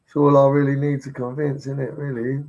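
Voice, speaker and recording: A man's voice: mid-range voice, little pitch movement, brisk, a little mellow, muffled recording. A man ranting on a casual livestream, blunt and insistent, swearing heavily as he pushes his point. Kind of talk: casual live-stream rant.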